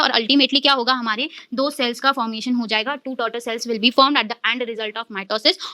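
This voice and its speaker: A woman's voice: fairly high pitch, bright, forceful tone. A woman teacher giving a recorded class lecture with an Indian accent. She explains step by step, calls her students children, and keeps checking that they follow.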